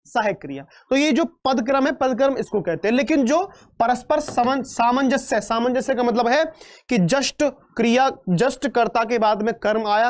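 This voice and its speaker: A man teaching an online exam-prep grammar class, chatty and joking, calling students beta and repeating terms back as questions. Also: extremely high pitch. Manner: playful and chatty, calls students beta, throws in jokes; repeats terms and quizzes the viewers. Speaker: Hindi teacher.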